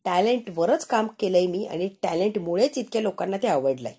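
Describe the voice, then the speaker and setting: A woman's voice: mid-range voice, animated, brisk, warm tone, breathy edge. A woman recapping a TV serial episode in a dramatic way, acting out the lines and adding sarcastic, mocking asides. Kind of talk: dramatic recap with acted-out quotes.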